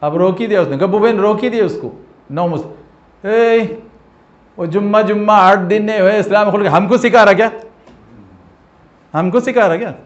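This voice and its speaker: A man's voice: sits high, lively intonation, a little mellow, voice pushed up. A man voicing a dismissive middle-aged neighbour who scoffs and mocks a new convert. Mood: scornful. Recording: dull lo-fi recording.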